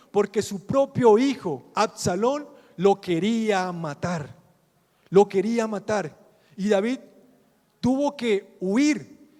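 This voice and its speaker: A man's voice: high voice, a little mellow, in a large hall. A male pastor with a Colombian Spanish accent preaching a sermon, putting questions to the congregation and answering them himself.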